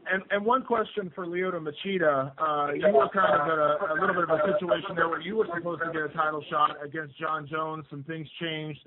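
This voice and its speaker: Higher-voiced male reporter by phone. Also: fairly even intonation, brisk, few pauses, a crowd in the background. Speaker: reporter asking questions. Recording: narrow, tinny phone line.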